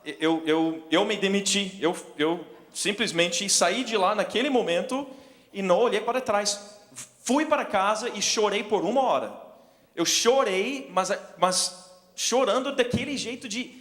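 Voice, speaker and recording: An American preacher in his forties, a native English speaker and missions speaker, delivers a sermon built on personal stories to an audience in a large indoor hall. His voice is notably high and fairly bright, and he is self-deprecating, halting as he searches for words, with long hall reverb around him.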